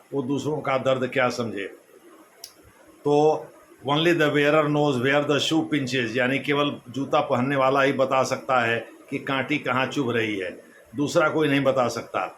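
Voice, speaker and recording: A man's voice: mid-range voice, steady tone, a bit bright, slight background noise. A man giving a classroom lecture as an exam coach, explaining each point again in other words. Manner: explanatory, repeats points in other words, slow emphatic quotes. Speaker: civil services exam coach.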